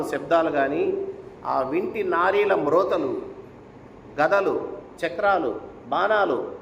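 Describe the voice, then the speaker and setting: In an echoey hall with faint ambience, a spiritual speaker gives a devotional discourse and tells a sacred story, pressing listeners with rhetorical questions. His voice is high-pitched and creaky, with slight background noise.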